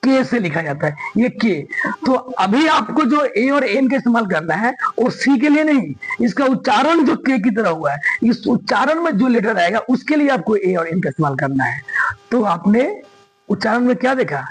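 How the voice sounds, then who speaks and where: A man's voice: extremely high pitch, sing-song, moderate pace, poor audio. A man teaching grammar, stressing his points with repetition and asking his students questions as he goes. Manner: emphatic, repeats points and quizzes students. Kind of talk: classroom lesson explaining grammar.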